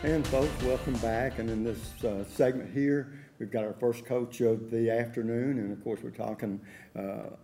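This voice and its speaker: Man, sports talk host, folksy, mellow voice, medium pitch. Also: steady tone, moderate pace, faint music behind.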